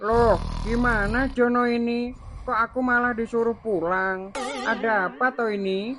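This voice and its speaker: A woman's voice: a little high, steady tone, unhurried, fairly bright tone, slight background noise. Woman playing a fussy chatty neighborhood chief. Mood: incredulous. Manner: chatty, incredulous. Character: fussy nosy neighborhood chief, middle-aged man. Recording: clear music bed behind voice.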